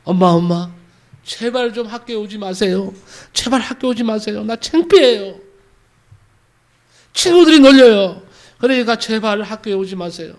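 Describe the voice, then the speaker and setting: A male pastor voicing a young schoolgirl who sobs, pleads and shouts at her mother in a sermon story. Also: sits high, animated, normal speed, pauses often. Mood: pleading, tearful.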